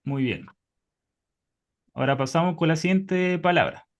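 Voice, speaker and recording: A man's voice: fairly high pitch, a little slow. A man teaching Hebrew in an online class by video call, patiently quizzing his students.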